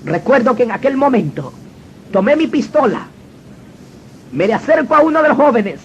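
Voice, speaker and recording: A man's voice: very high-pitched, very animated, moderate pace. A man telling his personal testimony in an earnest, dramatic storytelling manner. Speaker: testimony speaker. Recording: dull lo-fi recording with faint noise.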